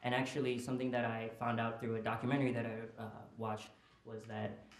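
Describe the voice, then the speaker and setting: This young adult man, Nepali-born and raised in the United States, is a student reporting fellow presenting informally, hesitantly explaining things to a small group in an indoor conference room. He talks a little fast in a flat, mid-range voice. The recording carries the roomy echo of the presentation space.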